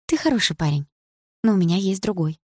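A woman voicing a gentle, frightened young woman student who speaks softly and pleads. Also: mid-range voice, very animated, quick pace, breathy edge, no echo, voice pushed up. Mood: pleading. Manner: soft, pleading.

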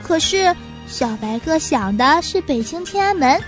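A woman narrating a children's story in a clear, expressive storytelling manner. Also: high voice, measured pace, soft background music.

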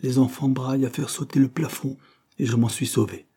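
A man voicing an embittered, worn-out male laborer who complains loudly and resentfully. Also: medium pitch, fairly even intonation, fairly quick, breathy edge, pitched above the performer's own voice. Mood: resentful complaint. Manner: aggrieved and loud.

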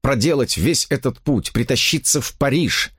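A male narrator reads a literary novel aloud with expressive, animated delivery. His pitch rises and falls widely, and the sound is dry and close to a studio mic. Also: normal speed, slightly rough, no room sound. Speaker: audiobook narrator.

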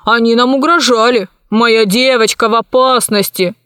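A woman's voice: on the high side, steady tone, normal speed, a bit bright, clear, resonant tone, no room sound, studio quality, natural voice. A woman voicing a fussy, blustering fat man who dotes on his daughter, in an audiobook. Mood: indignant. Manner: blustering, indignant. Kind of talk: audiobook character voice.

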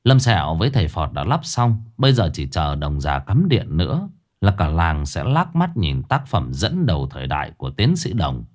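A man narrating a comic folk story in an animated, mocking way. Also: low-pitched, moderate pace.

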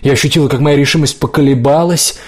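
A man reading a first-person romance novel aloud, slow and measured. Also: medium pitch, darkish tone, husky. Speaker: audiobook reader.

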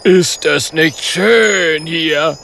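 A man voicing a boastful, cheerful male polar bear in a storybook reading, with a gravelly voice that drops to a hushed whisper. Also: sing-song, unhurried, slight background noise, heavily acted. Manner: low hushed whisper when hunting.

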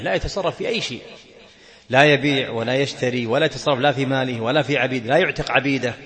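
A man's voice: mid-range voice, a bit bright. A man teaching Islamic jurisprudence, reading a text and explaining it, often asking a question and answering it himself. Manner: questions and answers himself, laughs now and then.

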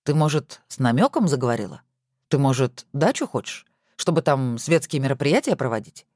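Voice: mid-range voice, expressive, fairly quick, a little mellow, no echo, clean studio sound, lightly acted. A reader voicing a good-natured husband who banters playfully with his wife, in a storybook reading.

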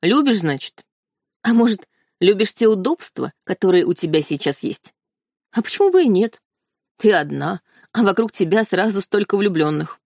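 A woman's voice: medium pitch, lively intonation, normal speed, a little mellow, dry recording. A cold young prince full of contempt, read by a woman in an audiobook. He snaps and sneers with harsh scorn. The recording is dry and close. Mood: scornful.

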